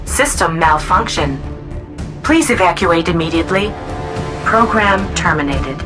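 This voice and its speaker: A woman's voice: on the low side, measured pace. A woman voicing a rusty, malfunctioning robot system. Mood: mechanical. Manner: flat mechanical announcements. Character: malfunctioning female computer system voice. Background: music.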